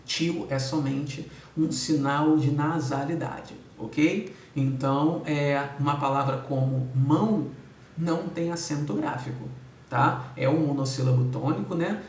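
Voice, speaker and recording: A Brazilian man teaching a recorded lesson, explaining each point in order and checking in with the class after each one. His voice sits a little high for a man. The sound is roomy and he is heard from a distance, with faint noise underneath. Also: fairly even intonation, a little slow, a little mellow. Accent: Brazilian Portuguese. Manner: explains step by step, keeps checking in with "tudo bem?" and "tá?". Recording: echoey room, voice off-mic.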